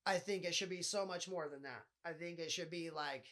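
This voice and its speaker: A man's voice: fairly high pitch, a little fast, sharp tone. Nasal-voiced man ranting casually. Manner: rambling, swears often. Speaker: podcast host. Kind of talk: casual solo podcast monologue.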